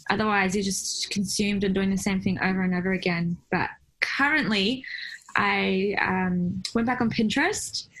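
A woman's voice: mid-range voice, a bit bright, poor audio. A woman from Iraq, a photographer guest, talking in a casual interview in a chatty, reflective way with frequent fillers and laughs.

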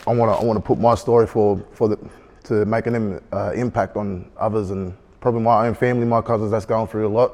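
Young Australian man in his twenties, youth panel guest, lowish voice, halting delivery full of restarts, long hall reverb. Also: darkish tone. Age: 20s. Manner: halting, repeats himself, many fillers. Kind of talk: casual discussion.

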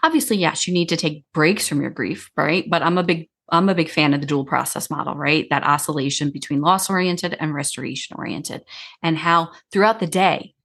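Low-voiced woman grief counselor. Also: fairly quick, vocal fry, fairly bright tone, husky. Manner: chatty, explains in long run-on sentences. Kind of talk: casual interview talk.

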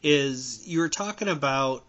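A man's voice: medium pitch, animated, unhurried, fairly bright tone, muffled recording. A man hosting a podcast, asking questions and giving short reactions in a casual interview. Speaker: podcast host.

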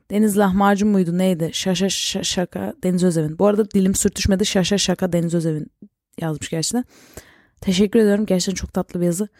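A young woman hosting a casual solo podcast, rambling and self-mocking with quick jokey asides. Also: on the low side, dark tone, dry recording, studio quality. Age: young adult. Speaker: podcast host and YouTuber.

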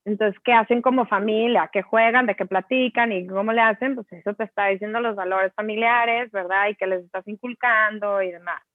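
A woman's voice: medium pitch, fairly quick, few pauses, no room sound. A woman with a Mexican Spanish accent, chatting casually as a co-host and telling stories with lots of fillers. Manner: chatty, many fillers, animated storytelling. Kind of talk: casual conversation. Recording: tinny phone-like dry sound.

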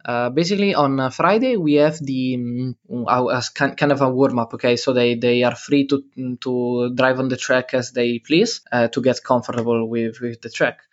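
A man's voice: mid-range voice, fairly even intonation. A teenage guy with an Italian accent and a mid-range voice explains things at an easy pace, stumbling through fillers and restarting his sentences. The sound is dull and lo-fi. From Italy. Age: teens. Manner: halting, many fillers, self-corrections. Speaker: guest. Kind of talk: casual explanation. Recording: dull lo-fi recording.

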